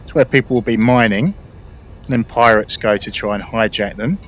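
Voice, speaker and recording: A gaming video creator gives casual, explanatory commentary while playing, in a lowish, fairly bright voice at normal speed. The audio is dull, with faint game noise and spaceship game ambience behind him.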